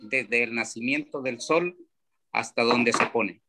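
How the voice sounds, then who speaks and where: A man reading a psalm aloud during a church evening service, slow and solemn. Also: medium pitch, crowd noise. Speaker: psalm reader.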